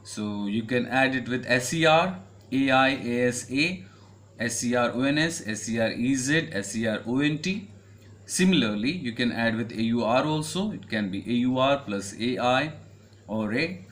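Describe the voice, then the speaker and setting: A man's voice: mid-range voice, fairly bright tone. A man with an Indian English accent teaching a French grammar lesson, spelling out letters and patiently repeating each point.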